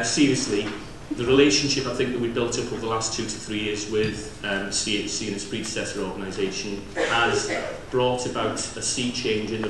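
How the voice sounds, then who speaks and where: A man with a Welsh accent giving a semi-improvised opening speech at a conference, with a hesitant, halting delivery. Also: fairly low pitch. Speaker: conference opening speaker, local government representative. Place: large indoor conference venue. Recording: distant, very echoey hall with clear noise.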